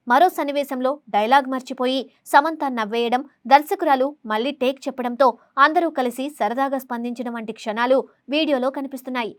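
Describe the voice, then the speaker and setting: A woman's voice: high voice, no room sound, clean studio sound. A woman reading scripted entertainment news as a voice-over, in a formal reading delivery. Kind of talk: scripted film news narration.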